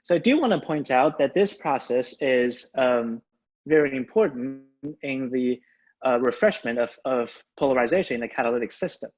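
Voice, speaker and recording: A man's voice: mid-range voice, animated, moderate pace, darkish tone. A young man, an undergraduate, giving a formal, methodical scientific presentation over a video call. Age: young adult. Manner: formal, methodical, signposting each point. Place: indoor room, on a video call. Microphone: video call microphone. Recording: dull video-call audio.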